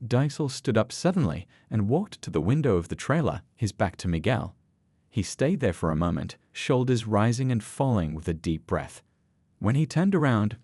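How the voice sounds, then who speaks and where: A man narrating a scripted story in an even storytelling manner. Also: lowish voice, breathy edge, dry recording.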